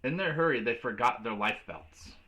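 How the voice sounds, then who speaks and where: Bright-voiced man reading a storybook to kids. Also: medium pitch, lively intonation, normal speed, poor audio. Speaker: teacher reading a storybook aloud. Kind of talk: read-aloud storytelling to children.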